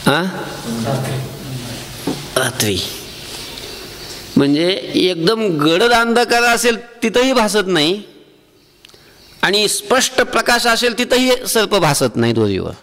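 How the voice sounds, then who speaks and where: A man giving a devotional sermon as a preacher, asking the listeners questions and answering them himself, and slowing down to chant verses. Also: high-pitched, expressive, fairly bright tone, big-room sound, a little hiss or hum. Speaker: Varkari preacher.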